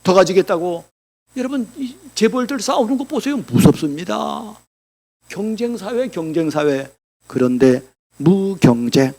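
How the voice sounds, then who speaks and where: A male pastor preaching a sermon in a church, asking the congregation rhetorical questions and swinging between loud declarations and quiet asides. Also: sits high, expressive, measured pace.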